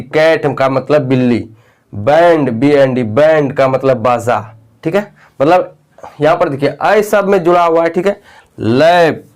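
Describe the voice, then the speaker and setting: A man gives a patient pronunciation lesson. He spells each word out letter by letter and repeats it several times. He keeps checking in with his viewers as he goes. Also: on the high side. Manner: repetitive, spells words letter by letter; addresses viewers directly with frequent "okay". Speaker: English teacher.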